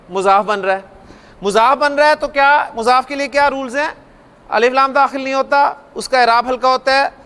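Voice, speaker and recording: A man with a high, bright, forceful, clean-toned voice gives a grammar lecture in a classroom or studio. He explains step by step, repeats key points, and asks the class questions.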